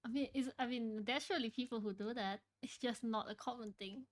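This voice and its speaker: Woman host chatting on stream, rambly with lots of uhs, somewhat high voice. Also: fairly quick. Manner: chatty, filler-heavy, loud exclaiming when surprised. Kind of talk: casual chat on a live stream.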